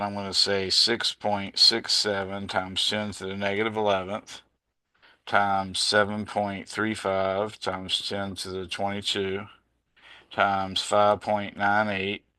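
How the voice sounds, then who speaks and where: A male physics tutor with a bright, forward voice that sits a little low, recorded close and dry with no room sound. He talks through calculations slowly and methodically, reading out every number and unit and fixing his own slips along the way. He sounds tired, with the occasional yawn. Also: no room sound. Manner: slow, methodical, reads out numbers step by step, self-correcting. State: tired, yawning. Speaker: physics teacher. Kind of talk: working through problems aloud.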